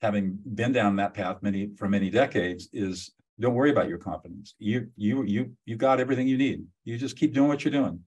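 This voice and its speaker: A man in his seventies hosts an interview podcast, talking emphatically and encouragingly in conversation. His fairly low, slightly mellow voice has a breathy edge and moves fairly quickly with hardly any pauses, captured in a low-quality recording.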